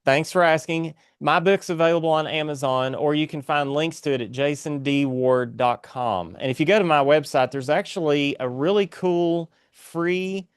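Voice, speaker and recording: A man's voice: a little high, moderate pace, few pauses, clean tone, no room sound, clean studio sound. A man with an Appalachian accent speaking as a guest author in an earnest, inspirational interview, exhorting like a preacher.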